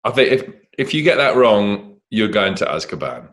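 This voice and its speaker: A man's voice: fairly low pitch, sing-song, moderate pace, a bit bright. Chatty man reading quiz questions. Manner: reads questions cheerfully, chatty and anecdotal. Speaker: quiz co-host. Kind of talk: playful quiz hosting.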